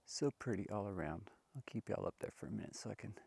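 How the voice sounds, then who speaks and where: Man, casual hiking vlog, gravelly low voice, dry close sound, outdoors, handheld camera. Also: quick pace, darkish tone, no echo. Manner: chatty, wandering, folksy. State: winded from climbing. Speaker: hiker filming his hike. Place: outdoors in a desert canyon.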